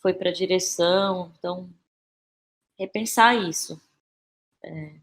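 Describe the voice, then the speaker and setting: Speaking slowly in a lowish voice, a Brazilian actress and playwright reflects as a podcast guest. Her manner is casual and conversational, and she leans on tag questions to invite agreement.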